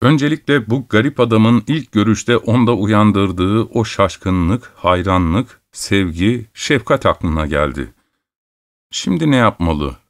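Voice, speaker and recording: Low-voiced man reading an audiobook. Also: slow pace, hardly any pauses. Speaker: audiobook narrator. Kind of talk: scripted narration.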